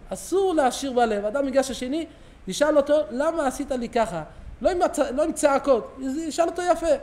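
High-voiced rabbi telling stories. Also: male voice. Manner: animated storyteller, acting out quoted dialogue. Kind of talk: sermon with storytelling. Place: synagogue.

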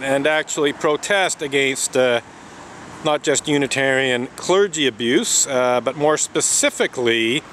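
A man's voice: a little high, fairly bright tone, a little hiss or hum. A man speaking outdoors to a handheld camera in an unscripted, indignant commentary, stressing his points with repeated lists and occasional swearing. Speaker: protester vlogging. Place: outdoors on a city street.

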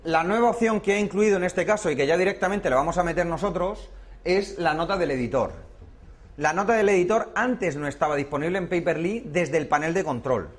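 A man runs a hands-on class in a training room. His voice sits a little on the high side, and he explains each step patiently while checking that everyone is following. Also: fairly quick. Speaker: workshop instructor.

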